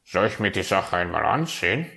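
A man voicing a helpful male raven craftsman in a storybook tale, brisk and croaking. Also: low-pitched, sing-song, pushed and bright, exaggerated voice.

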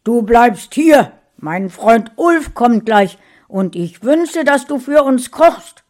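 A woman's voice: a little high, lively intonation, slow, voice pushed up. A woman reading a storybook voices an angry, jealous husband who gives orders. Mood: demanding. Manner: loud, domineering.

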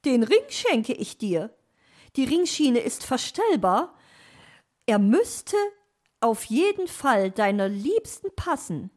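Storybook magpie lady, put on by a woman reader: high, shrill, loud, slow and chatty, bossy and teasing. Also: very animated, full character voice.

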